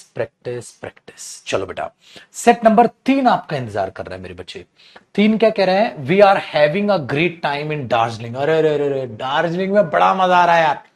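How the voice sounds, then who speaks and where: Animated male English teacher. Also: fairly high pitch. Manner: animated, addresses students as "beta", reads sentences slowly and stretches words. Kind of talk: online exam-prep lesson.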